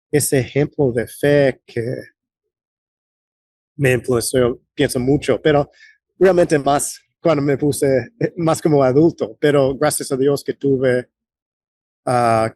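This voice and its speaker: A man in his late forties from the United States, a guest in an interview, talking in a halting way with many fillers and restarts. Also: medium pitch, darkish tone, no echo. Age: late 40s. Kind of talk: conversational interview.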